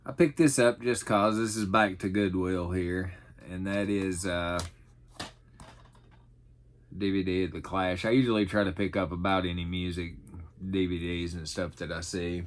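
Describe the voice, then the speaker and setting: A man's voice: deep voice, fairly even intonation, moderate pace, a little hiss or hum. A middle-aged man chatting casually in a folksy, rambling, self-deprecating way, as in an unscripted haul video. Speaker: vlogger showing thrift finds.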